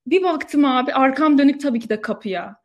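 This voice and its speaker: Lively young woman telling gossip stories. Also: high voice, brisk, lo-fi sound. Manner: animated storytelling with slang and laughter. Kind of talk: casual chat.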